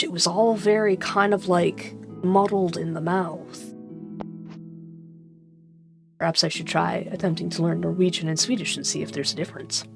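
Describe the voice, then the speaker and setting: Reading an interactive gamebook aloud, this woman has a lowish, gravelly voice. She keeps drifting into irreverent, chatty tangents, cursing and laughing at her own expense, while music runs underneath.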